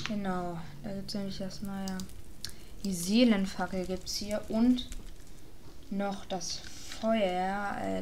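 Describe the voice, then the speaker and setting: A woman giving casual, slangy gameplay commentary, excitable and exclaiming, talking both to her viewers and to the creatures in the game. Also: mid-range voice, background noise. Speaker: gaming YouTuber.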